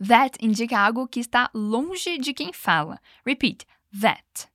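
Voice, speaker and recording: A woman hosts a podcast language lesson. Her voice is bright and raised a little in pitch, and she sounds playful and upbeat. The recording is dry and close, with no room sound. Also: very animated, no echo. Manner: upbeat, playful, switches between Portuguese and slow English examples. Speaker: English teacher and podcast host.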